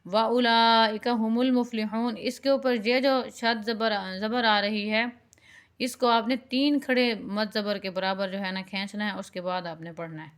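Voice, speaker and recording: A woman teaching beginners Quran recitation, drawing out the verses slowly and then explaining the rules quickly and patiently. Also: medium pitch, fairly even intonation, smooth. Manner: alternates slow drawn-out recitation with quick explanation; patient, instructive.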